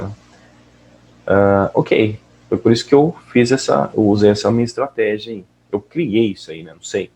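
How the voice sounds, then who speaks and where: A man teaching English listening in a casual, relaxed way, often checking in with the listener. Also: on the low side. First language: Portuguese. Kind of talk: casual explanatory lesson.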